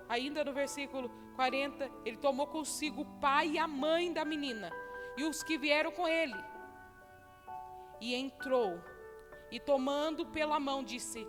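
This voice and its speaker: A Brazilian woman pastor preaching a sermon in a church with a São Paulo accent, dropping to soft, low asides and rising to loud, emphatic calls. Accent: Brazilian Portuguese, São Paulo state. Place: church hall. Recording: long hall reverb, faint music behind.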